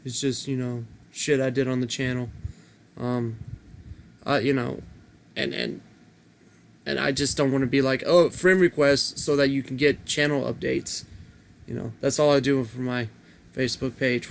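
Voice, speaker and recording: A man's voice: medium pitch, vocal fry, a bit bright, slight background noise. A young man hosting a solo podcast, rambling casually with lots of restarts and fillers. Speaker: podcast host.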